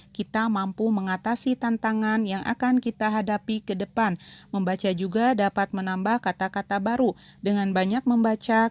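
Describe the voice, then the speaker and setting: A woman with an Indonesian accent narrates a scripted lesson for schoolchildren as their teacher, enunciating carefully in short, measured phrases. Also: mid-range voice, darkish tone, no room sound.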